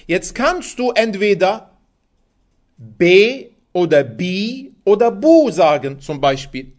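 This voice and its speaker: A man giving a sermon-style lesson on the Quran in German, explaining patiently, posing rhetorical questions to his listeners and weaving in recited Arabic phrases. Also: high voice. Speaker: Islamic preacher.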